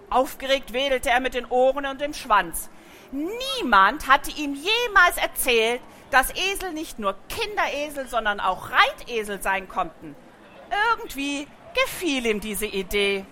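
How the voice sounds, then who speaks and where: A woman reading a children's book aloud, with gentle, expressive storytelling. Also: on the high side, a little hiss or hum. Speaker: narrator.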